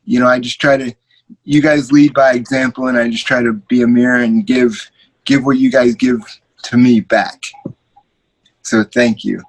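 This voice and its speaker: Man, casual podcast chat, encouraging, video call, mid pitch. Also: fairly even intonation, normal speed, rough recording. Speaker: podcast co-host and guest.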